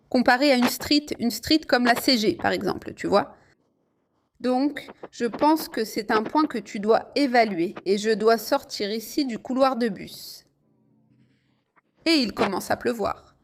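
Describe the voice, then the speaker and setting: A woman's voice: on the high side, a little slow. A woman riding a motorcycle in city rain, chatting and exclaiming to her viewers as she rides. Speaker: motovlogger. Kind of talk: casual riding commentary.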